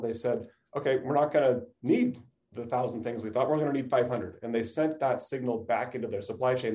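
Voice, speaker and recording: A man with a mellow, relaxed tone and an average pitch. He explains as an expert interview guest, conversationally and informally, checking in with the listener as he goes. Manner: informal explaining, often checks with "you know" and "right". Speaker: academic supply chain expert, interview guest.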